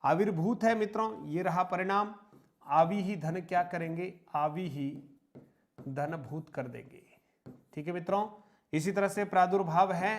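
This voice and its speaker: A man teaching a Hindi grammar lesson, slowly dictating example words, repeating them, asking questions and answering them himself. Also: high-pitched, darkish tone. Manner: slow, repetitive dictation of example words, often addressing "मित्रों". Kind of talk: online exam-prep grammar lesson.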